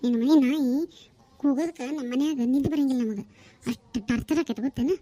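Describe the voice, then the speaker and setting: A woman's voice: high voice, fast. A woman voicing a nagging neighbour woman who scolds and taunts about the noise, in a North Karnataka accent for a cartoon comedy. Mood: scolding. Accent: North Karnataka Kannada. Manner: scolding, sharp-tongued taunts.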